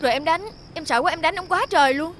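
A chatty young woman, high bright voice, a bit of hiss behind. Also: fast talker. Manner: chatty, breezy storytelling.

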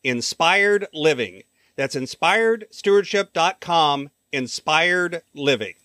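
A man hosting a podcast, reading a scripted intro and asking interview questions in an earnest, measured way. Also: on the high side, expressive, sharp tone, no echo, studio quality. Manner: earnest, measured announcer delivery. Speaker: podcast host.

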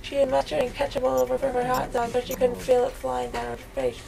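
A woman's voice: high-pitched, level tone, quick pace, gravelly, low-quality recording. A young woman chatting in a drowsy, childlike, rambling way, groggy and numb-mouthed after having her wisdom teeth out. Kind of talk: casual chat. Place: small treatment room in a dental office. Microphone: handheld camera near the reclining speaker.

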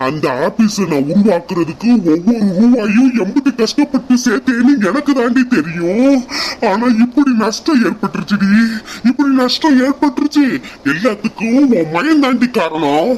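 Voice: medium pitch, expressive, moderate pace, a little mellow, slight background noise, natural voice. A performer voicing an angry middle-aged businessman father with a Kanyakumari Tamil accent, ranting about his losses. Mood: lamenting. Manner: ranting and lamenting.

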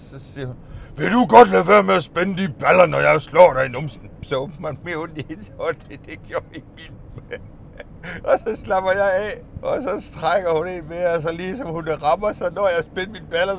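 Guy vlogging childhood stories, kinda high voice, laughs a lot and swears, restarts all the time, faint rumble behind. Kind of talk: casual storytelling of childhood memories.

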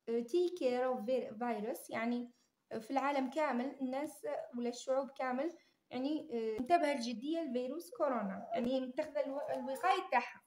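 A woman with an Algerian Arabic accent teaching an English exam-prep lesson. She reads the English prompts slowly, then explains them in dialect. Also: high voice.

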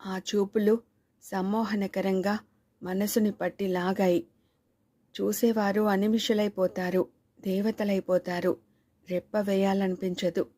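Woman reading a novel, mellow tone. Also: medium pitch, no room sound. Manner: steady, measured reading. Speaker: audiobook narrator. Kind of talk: scripted novel narration.

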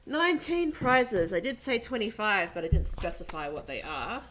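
A woman's voice: lowish voice, animated, a little fast, very noisy. A woman hosting a giveaway draw in casual chat, reading names aloud and laughing often. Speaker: host drawing giveaway winners.

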